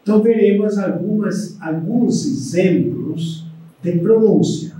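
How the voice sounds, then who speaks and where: An older man teaching a language lesson in a slow, deliberate way that often ends with a questioning "né?". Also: high voice, warm tone, a little hiss or hum. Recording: echoey room, voice far from the mic.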